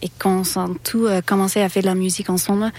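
A woman speaking French as a second language with a foreign accent, answering interview questions haltingly as she searches for words. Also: medium pitch, little pitch movement, darkish tone. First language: not French, speaks French as a second language. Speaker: musician, singer and poet.

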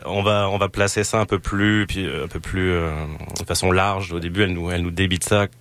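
Male musician, quite deep voice, informal explainer who doubles back on his phrases. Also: fairly even intonation, brisk, a bit bright, smooth. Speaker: musician, interview guest. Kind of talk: casual interview chat.

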